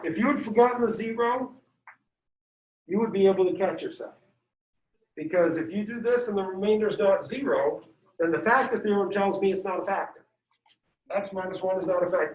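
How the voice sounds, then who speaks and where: A male math teacher giving a classroom lecture, upbeat and walking students through each step. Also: sits high. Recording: dull echoey room sound from far off.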